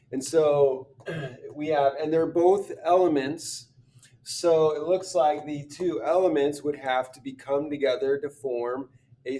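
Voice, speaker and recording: Throat-clearing man teaching chemistry, mic distant. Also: medium pitch, dark tone. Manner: clears throat often, thinks aloud with restarts. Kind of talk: explaining practice problems.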